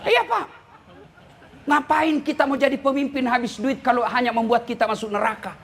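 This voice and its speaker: Male preacher from Indonesia, very high voice, lively comic sermon style, faint noise behind. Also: normal speed. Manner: animated, joking, teasing the audience directly. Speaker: Islamic preacher. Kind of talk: humorous sermon to a congregation.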